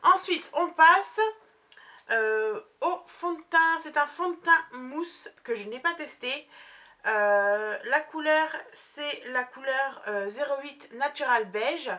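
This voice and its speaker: A young woman chats through her makeup haul in a loose, rambling way, stopping and restarting often. Her voice sits fairly high and sounds bright and forward. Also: takes it slowly. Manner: chatty, rambling, many fillers and restarts. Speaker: beauty vlogger. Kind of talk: casual makeup haul review.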